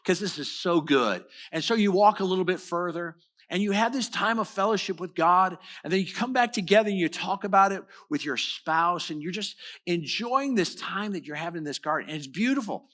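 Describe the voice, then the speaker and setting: Bright-voiced preacher man, earnest and repetitive. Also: high voice, lively intonation, fairly quick. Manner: earnest, repeats words and restarts phrases. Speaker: pastor. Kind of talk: sermon. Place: church sanctuary.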